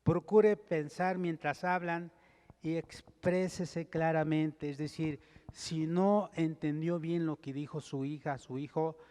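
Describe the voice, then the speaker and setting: A male pastor preaching a sermon, teaching point by point in a measured way and reading scripture aloud. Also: a little high, steady tone, mellow. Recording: long hall reverb.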